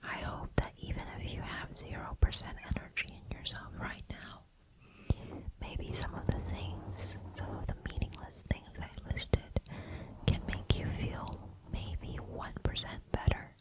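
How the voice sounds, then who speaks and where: A woman giving a gentle, reassuring pep talk in an ASMR whisper, close to the microphone. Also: measured pace, poor audio. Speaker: ASMR host.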